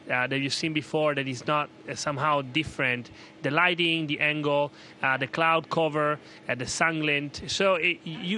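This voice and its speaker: A man speaking as an astronaut, explaining things casually in a halting, repetitive way. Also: a little high, bright, forceful tone. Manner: halting, with repeated phrases. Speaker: astronaut being interviewed. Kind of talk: casual explanatory interview answers. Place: aboard a space station. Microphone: handheld microphone. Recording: faint equipment hum.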